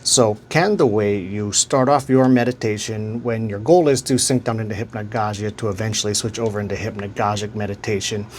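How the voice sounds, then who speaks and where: A man with a Hawaiian accent talks casually to his viewers as the host of his own channel. His voice sits at an ordinary middle pitch. He rambles and restarts as he searches for the right words. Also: a little mellow, slight background noise. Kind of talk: casual vlog talk.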